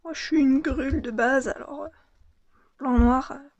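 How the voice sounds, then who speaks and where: A young woman casually opening and commenting on trading cards, reading them out in a soft, murmured voice that often drops to a half-whisper. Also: high-pitched, steady tone, moderate pace, no room sound, lo-fi sound. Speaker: card unboxing vlogger.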